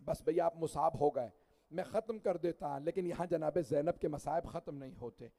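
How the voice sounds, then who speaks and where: A man's voice: fairly high pitch, moderate pace, gravelly, dark tone. A male cleric delivering a mourning sermon in an impassioned, elegiac recitation, tearful at times and swelling into wailing cries. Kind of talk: Shia majlis mourning sermon.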